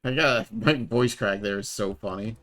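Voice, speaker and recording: A man's voice: lowish voice, a bit bright. A man streamer thinking aloud at home as he edits his video, talking half to himself. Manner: muttering, half to himself, unhurried. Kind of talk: thinking aloud while editing.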